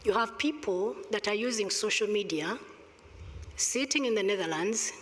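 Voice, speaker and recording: A middle-aged woman with a Rwandan accent, a conference panelist, delivers emphatic, deliberate remarks full of pointed rhetorical questions. Her voice is medium in pitch and expressive, picked up by a gooseneck table microphone on stage in a large, reverberant indoor hall.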